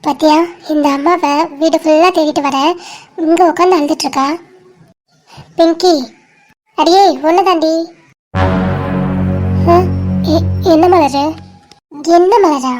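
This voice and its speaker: A high-voiced performer as Malar, a bossy caring friend. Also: fairly even intonation, slow pace, pauses often, a little mellow, soft background music. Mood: scolding. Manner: scolding, insistent, teasing. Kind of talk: dramatic cartoon dialogue.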